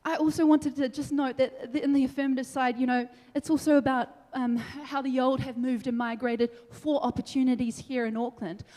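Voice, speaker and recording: Young nz woman giving a lively debate speech, high pitched, big reverby hall. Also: moderate pace, few pauses. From New Zealand. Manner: energetic, animated, laughs between points. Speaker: debate speaker. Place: large council meeting hall.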